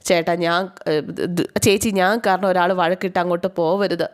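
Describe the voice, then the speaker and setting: A woman voicing a gentle, hurt young man who pleads softly with his sister. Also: fairly low pitch, level tone, moderate pace, lightly acted. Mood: pleading.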